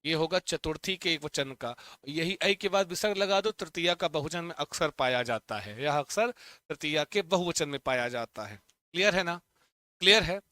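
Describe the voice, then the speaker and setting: Male teacher, crisp resonant voice, dry close sound, chants forms and coaxes students to repeat. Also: a little high, animated, moderate pace, bright, forceful tone, no room sound. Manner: drills students, chants word forms in rhythm; addresses students directly, urging them to repeat aloud. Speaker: Sanskrit teacher. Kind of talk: online exam-prep lesson.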